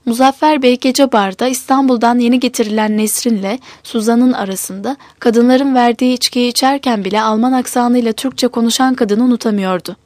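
A woman narrating an audiobook in a measured, even reading voice. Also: fairly high pitch, dry recording, clean studio sound.

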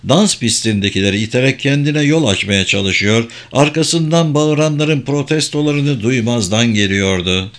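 A man's voice: mid-range voice, lively intonation, moderate pace, hardly any pauses. Man narrating a thriller audiobook. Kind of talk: scripted narration.

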